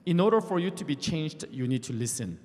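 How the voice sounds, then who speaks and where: A male preacher with a high, lively voice delivers a sermon in short bursts for an interpreter, checking in with the congregation. He speaks into a handheld mic on a large church stage, and a long reverb hangs behind him. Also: fairly quick, slight background noise. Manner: preaching in short phrases, calling on the congregation to respond. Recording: reverberant hall.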